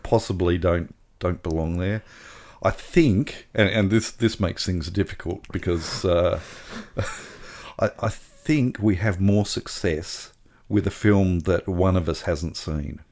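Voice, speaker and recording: A man co-hosting a podcast in casual chat, halting with restarts and chuckles. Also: low-pitched, darkish tone. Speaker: podcast co-host.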